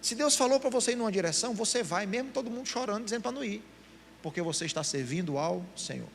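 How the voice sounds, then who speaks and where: A man's voice: high-pitched, animated, fast talker, gravelly, slight background noise. A middle-aged man with a Brazilian Portuguese accent preaching a sermon to a meeting of pastors, acting out the voices he quotes. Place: church meeting.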